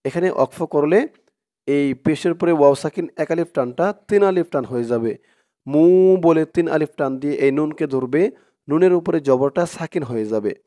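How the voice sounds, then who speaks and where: A man teaching Quran reading, slowly reciting verses and then explaining pronunciation in quick asides. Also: on the high side, dark tone. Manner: slow drawn-out recitation alternating with quick explanations. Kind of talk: recitation lesson with call-and-repeat.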